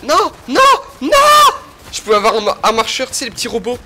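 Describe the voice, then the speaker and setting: A young man co-hosting casual gameplay commentary, animated and self-mocking. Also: high voice, very fast, heavy background noise. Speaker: co-host. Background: game music.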